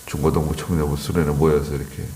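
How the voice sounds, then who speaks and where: A man's voice: extremely low pitch, little pitch movement, fast talker, dark tone, a little hiss or hum. A man preaching a dawn sermon as pastor, repeating phrases and voicing mocking questions to make his point. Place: church, dawn service.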